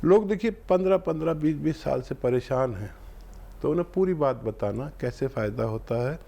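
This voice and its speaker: A man hosting a phone-in health show, calmly and reassuringly explaining herbal remedies to callers step by step. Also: medium pitch, normal speed, vocal fry. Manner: calm, reassuring, instructive.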